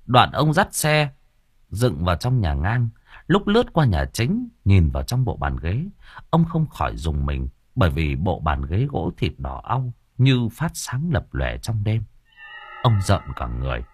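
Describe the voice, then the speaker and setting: Expressive male storyteller. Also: deep voice, unhurried, breathy edge, no room sound, studio quality. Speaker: audiobook narrator. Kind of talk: horror story narration.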